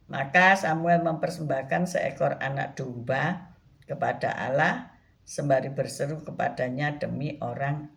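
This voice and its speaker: A woman pastor giving a devotional Bible teaching, speaking gently and often adding a soft "ya". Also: low voice, gravelly. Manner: slow, gentle, frequent tag "ya".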